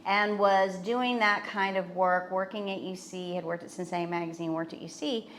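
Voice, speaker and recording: A middle-aged woman from Ohio, a guest on a podcast, telling her story in a warm, reflective, conversational way. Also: mid-range voice, fairly even intonation, moderate pace, a little hiss or hum. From Norwood, Ohio, USA.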